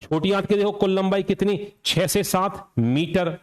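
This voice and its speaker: Higher-voiced man teaching an exam lecture. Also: fairly even intonation, moderate pace. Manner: asks and answers his own questions; repeats key points for drilling.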